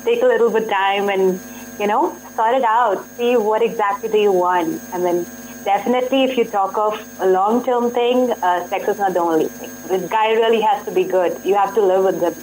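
A woman's voice: medium pitch, moderate pace, a little mellow, a little hiss or hum, low-quality recording. Reflective Indian woman giving casual advice.

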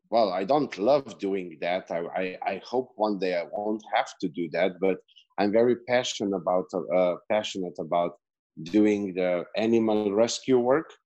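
A man's voice: on the low side, mellow, muffled recording. A middle-aged man from Slovenia, a podcast guest and business coach, talking in a rambling, chatty way with many fillers and restarts. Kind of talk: casual interview answer.

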